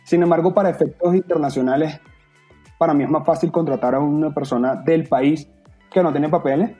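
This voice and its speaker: A husky-voiced young Venezuelan man with a Venezuelan accent chats on a podcast. He talks at length, earnest and open, with a faint bed of music under him. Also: a little high, steady tone, a little fast, warm tone. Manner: talkative, earnest, slips into playful voices. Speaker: podcast guest. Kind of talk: casual podcast chat.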